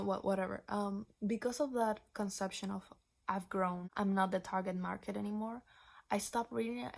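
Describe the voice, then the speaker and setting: A nineteen-year-old woman from Venezuela chatting casually as a book vlogger, rambling with restarts and slipping into breathy whispered asides. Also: mid-range voice. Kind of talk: casual chat.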